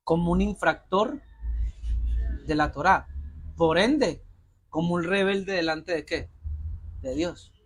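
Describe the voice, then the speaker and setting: A man delivers a sermon in a fairly high voice. He addresses his congregation directly and urges them to pay attention. He keeps pausing on rhetorical questions for them to answer. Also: husky. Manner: direct, exhorting address to listeners. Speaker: pastor.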